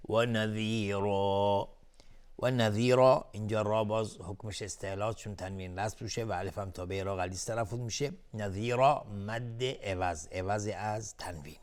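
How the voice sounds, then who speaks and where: A man teaching Quran recitation rules on a broadcast lesson, explaining tajweed between slow chanted verses. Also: on the low side, fairly even intonation, a little mellow. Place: television studio.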